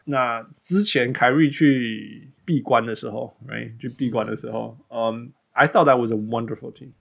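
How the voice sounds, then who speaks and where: Taiwanese-accented man, creaky voice, bilingual sports chat. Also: medium pitch, normal speed, fairly bright tone. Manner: switches between Mandarin and English mid-sentence. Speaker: podcast host.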